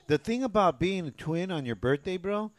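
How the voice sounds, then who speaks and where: A middle-aged man with a somewhat high voice co-hosts a casual talk show. His talk is slangy and playful, tagged with "eh" and sprinkled with Spanish. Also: animated, moderate pace, dry recording, clean studio sound. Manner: slangy, jokey, ends phrases with "eh"; drops Spanish into English. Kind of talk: casual chat.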